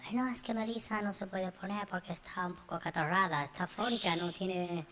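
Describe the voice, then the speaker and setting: A courteous foreign art promoter, put on by a woman telling the story, coaxing and unhurried. His voice sits low, and faint background noise runs underneath. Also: steady tone, fairly bright tone. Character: polite persuasive foreign male art promoter.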